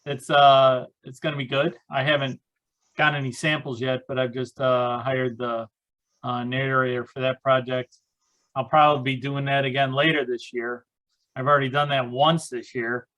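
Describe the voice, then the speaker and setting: A man's voice: mid-range voice, flat delivery, moderate pace, fairly bright tone, dull audio. Man talking with many fillers. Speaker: podcast co-host and author. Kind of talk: casual chat.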